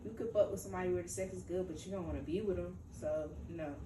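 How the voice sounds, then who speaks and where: A woman's voice: on the low side, fast talker. Laughing young woman, roomy far mic. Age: 20s. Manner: laughs often, loose and joking. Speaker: host. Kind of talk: casual chat. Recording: roomy, distant mic with faint noise.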